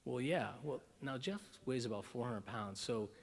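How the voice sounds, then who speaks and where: In a large hall, a keynote speaker with a medium-pitched voice talks at a moderate pace. His breakfast-event speech is funny and self-deprecating, full of animated stories and frequent restarts, set in a conference breakfast room.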